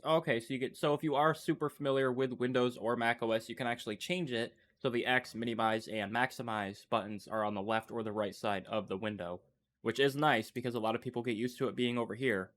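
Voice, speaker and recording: A tech channel host with a congested, stuffy voice clicks through a computer demo, commenting casually and thinking aloud in a loose, unscripted way. His voice is medium-pitched with a fairly bright tone, and the talk is casual screen-recording commentary.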